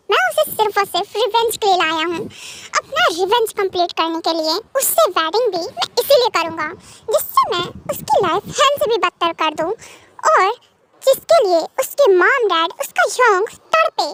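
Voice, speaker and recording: A cold, rude young mafia boss out for revenge, voiced by a woman. He snaps short, dismissive lines with a high, thin voice and slow, heavy phrasing. There is a steady hiss behind him, as in a home recording. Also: heavily acted. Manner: curt, dismissive. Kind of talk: fan audio drama.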